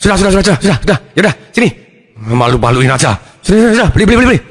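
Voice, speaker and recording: A man playing a tired father hushing and giving in to a crying child. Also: fairly high pitch, expressive, very fast, breathy edge. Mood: exasperated. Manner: pleading, dismissive. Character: weary exasperated father hushing his child.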